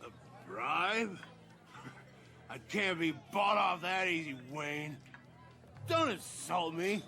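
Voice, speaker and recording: An actor playing a drunk, belligerent bar patron in a video game, slurring and spoiling for a fight. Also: male voice, high-pitched, very animated, takes it slowly, sharp tone, heavily acted. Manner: slurred, blustering, picking fights.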